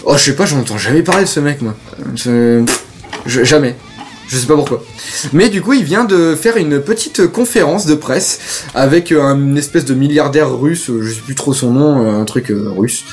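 A man's voice: medium pitch, normal speed, a little mellow. A young man co-hosting a casual podcast, rambling and hesitant with many fillers. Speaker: podcast co-host.

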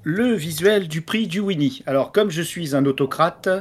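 Animated joking podcast host, man. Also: a little high, moderate pace. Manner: jokey, animated, self-mocking. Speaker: podcast host and jury president. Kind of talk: casual chat on a live podcast event. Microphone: voice call over Discord.

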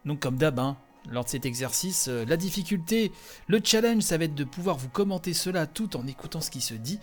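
Man, slightly high pitch, chatty, hesitant, fillers, live commentary. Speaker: host commenting a live game showcase.

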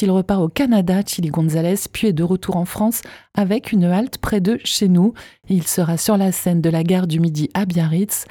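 A woman's voice: on the low side, dark tone, dry recording, clean studio sound. A woman presenting the new-release music segment on a local radio station, reading a polished, enthusiastic script.

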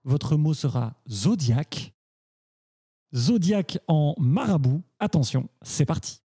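A man co-hosts an improv podcast, playfully setting out the rules of a game. His voice is mellow, with a lively pitch. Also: takes it slowly, a little hiss or hum. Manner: playful, explanatory. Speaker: podcast co-host presenting games. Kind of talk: casual explanation.

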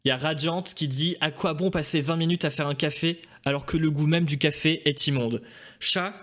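A man hosting a casual live stream in a relaxed way, reading out messages from the chat. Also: a little high, brisk. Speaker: host.

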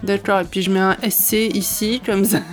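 A woman's voice: mid-range voice, fairly even intonation, normal speed, faint music behind. A woman chatting casually and teasingly with a colleague.

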